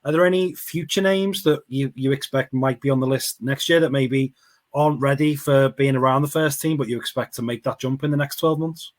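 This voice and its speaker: A man's voice: medium pitch, steady tone, brisk. Man posing an interview question.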